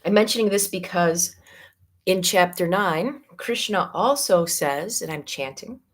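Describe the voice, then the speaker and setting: Gentle middle-aged Midwestern woman teaching. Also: lowish voice. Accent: Midwestern American. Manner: gentle, unhurried, drawing out key words. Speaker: yoga teacher. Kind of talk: spiritual teaching talk.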